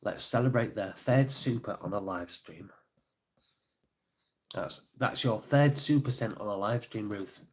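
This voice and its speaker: Speaking at a measured pace in a lowish register, this middle-aged live-stream host is a bit bunged up and keeps sniffling. His manner is chatty, full of fillers, and he calls out viewers by name to thank them.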